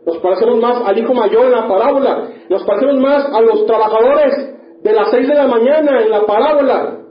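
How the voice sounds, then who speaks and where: Male pastor, very high voice, preaching to his congregation with a string of rhetorical questions; echoey, dull lo-fi hall sound. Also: a little fast. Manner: rhetorical questions, rising to mock indignation. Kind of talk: sermon.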